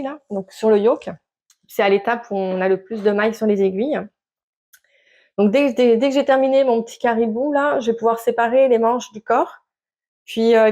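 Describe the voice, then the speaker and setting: A woman's voice: mid-range voice, a little mellow. A woman chatting casually to camera about her knitting, hesitant with many fillers and restarts. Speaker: knitting vlogger. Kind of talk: casual show-and-tell chat to camera.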